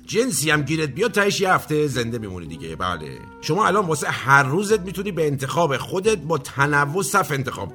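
Man doing a blustering politician, drawling, mock-formal, sarcastic, animated pitch, soft music behind. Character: pompous blustering male politician, self-important. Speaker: comic character host. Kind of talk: satirical comedy monologue.

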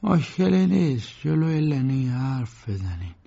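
A man voicing a frail, bedridden old lawyer who speaks slowly and weakly in an audiobook, on a dull lo-fi recording. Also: fairly high pitch, vocal fry, slightly rough, pitched above the performer's own voice, heavily acted. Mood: weary. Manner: slow, weak, soft-spoken. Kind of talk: audiobook character voice.

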